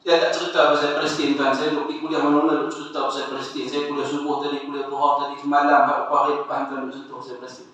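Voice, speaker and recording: Male preacher, high voice, rhetorical mosque sermon, recorded from afar. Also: little pitch movement, rapid-fire, few pauses, fairly bright tone. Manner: addresses audience repeatedly, asks rhetorical questions. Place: mosque hall. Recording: echoey hall, distant and dull mic.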